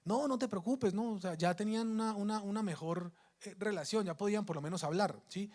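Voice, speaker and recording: A man's voice: high-pitched, fairly quick, darkish tone. A man preaching a sermon, telling a story in an emphatic way with frequent restarts.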